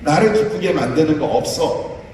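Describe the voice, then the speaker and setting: A man voicing a gentle, fatherly God who talks in a soft, low, reassuring way, heard from far off in an echoey church hall. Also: animated, normal speed, slight background noise, natural voice. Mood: gentle, soothing.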